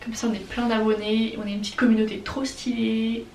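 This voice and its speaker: A young woman from France with a French accent, chatting casually and excitably as she answers viewer questions in a vlog. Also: on the high side, a little fast, roomy sound, distant mic, slight background noise. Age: young adult. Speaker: vlogger.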